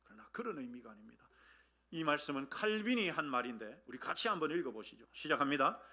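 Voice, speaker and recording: A man's voice: fairly high pitch, big pitch swings, fast talker, bright, forceful tone. A middle-aged man, a pastor preaching a sermon in a church, emphatic and keen to act out the voices he quotes while he keeps addressing the congregation. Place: church sanctuary.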